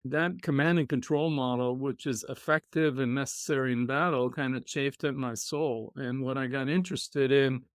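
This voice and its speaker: A middle-aged man, a podcast guest telling his life story in a reflective, measured way. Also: mid-range voice, steady tone, no room sound, clean studio sound. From Israel. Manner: reflective, measured, with soft laughs. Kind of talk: conversational storytelling.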